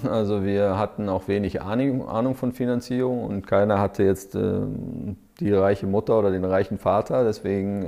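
A man in his forties from Berlin, Germany, with a gravelly, dark, fairly low voice, appears as a podcast guest and startup founder. Telling stories in a casual interview, he's relaxed, uses many fillers and laughs along the way.

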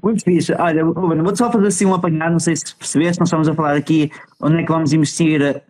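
A man with a European Portuguese accent hosting a casual chat in an informal, slangy, halting way. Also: fairly high pitch, fairly even intonation, darkish tone, rough recording. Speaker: host.

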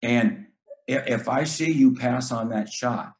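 Speaking slowly in a mid-range, slightly mellow voice, a middle-aged man who coaches basketball talks earnestly in casual conversation. Repeated words and acted-out instructions to his players run through his talk.

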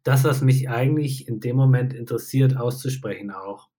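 A man speaking reflectively in a supportive personal conversation, asking gentle questions. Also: medium pitch, normal speed, slightly rough.

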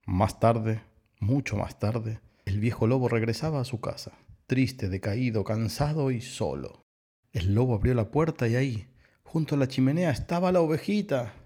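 A man reads a children's picture book aloud with a slow, gently expressive delivery. His voice has a gravelly edge, with middling pitch. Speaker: storyteller. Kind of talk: children's story read aloud.

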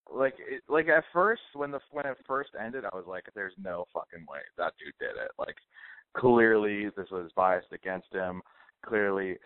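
A low-pitched man rambles through a joking voicemail, stopping and restarting, and drops swear words with ease. He is heard over a tinny landline phone line, close and dry with no room around him. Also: dry recording. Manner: loose, halting, swears casually. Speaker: voicemail caller.

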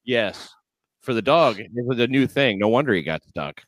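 A man hosting a podcast, chatting casually with a dry, deadpan delivery. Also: medium pitch, moderate pace, dry recording. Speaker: podcast host. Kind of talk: casual comedic podcast chat.

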